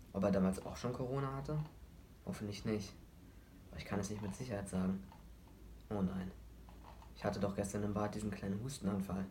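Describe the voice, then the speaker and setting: A man's voice: on the low side, darkish tone, a little hiss or hum, lightly acted. A man voicing an anxious teenage boy who gets agitated and defensive.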